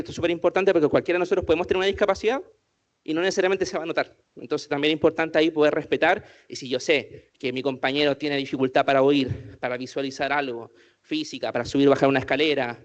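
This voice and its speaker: A man's slightly high voice comes through dull audio as he talks fast with fairly even intonation. He is giving an interactive inclusion workshop, asking the group plenty of questions and saying "¿cierto?" frequently.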